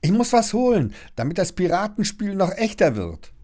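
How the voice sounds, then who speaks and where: A man voicing a lively, bossy young girl in a storybook reading. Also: medium pitch, normal speed, pitched above the performer's own voice, close to an everyday voice. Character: spirited young girl, quick-tempered but fond.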